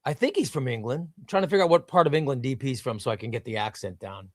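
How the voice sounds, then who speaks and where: A man hosting a casual livestream reads viewer comments aloud, gushing with enthusiasm and often repeating himself. His medium-pitched voice is lively and fast, captured in a dry, clean studio recording.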